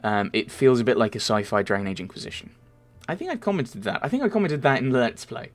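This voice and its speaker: Faint game music runs under a young Merseyside man's quick, lively voice-over at medium pitch. He answers viewer questions casually and at length, stumbling into ums and correcting himself often.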